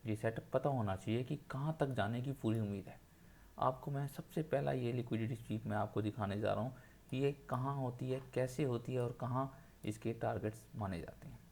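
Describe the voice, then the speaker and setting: A man's voice: mid-range voice, fairly quick, darkish tone, slight background noise. Insistent man teaching trading charts. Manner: insistent, repeats points for emphasis. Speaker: trading educator. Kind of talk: screen-share chart tutorial.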